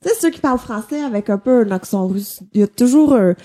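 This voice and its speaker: Female co-host, conversational, slightly high. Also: expressive, quick pace, dark tone. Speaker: podcast host. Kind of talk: casual podcast chat.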